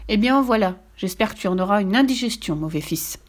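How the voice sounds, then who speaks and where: A woman's voice: mid-range voice, lively intonation, fast, lightly acted. A woman voicing an anxious young duke and father who laments dramatically over his son. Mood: angry.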